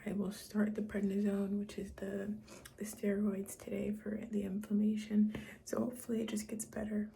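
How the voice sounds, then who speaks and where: A woman with a thick, muffled voice from a sore, swollen throat, often breathy and close to a whisper, talking haltingly and casually as in a personal video diary. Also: mid-range voice, completely flat delivery, warm tone. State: sore swollen throat after tonsil surgery, effortful and tired. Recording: clear background noise.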